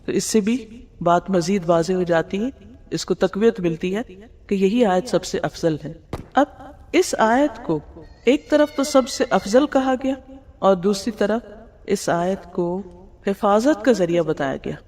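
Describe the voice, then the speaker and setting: A woman's voice: medium pitch, expressive, a little mellow. A woman giving a religious lecture, explaining hadith, asking rhetorical questions and mixing in English words. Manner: mixes English words into her talk. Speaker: Islamic teacher. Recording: long hall reverb.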